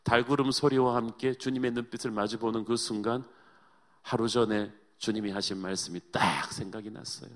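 A male pastor preaching a sermon with dramatic storytelling, swinging between hushed and emphatic delivery. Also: lowish voice, steady tone, normal speed.

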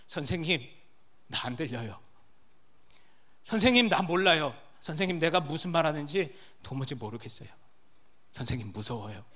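A man's voice: mid-range voice, brisk, fairly bright tone, lightly acted. A preacher voicing a frightened deaf man who begs for help, his voice dropping to a whisper. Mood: pleading, frightened. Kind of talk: sermon.

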